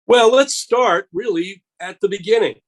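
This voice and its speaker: A man hosting an interview, asking measured, polite questions with a few fillers. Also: high voice. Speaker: interviewer and host. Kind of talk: conversational interview.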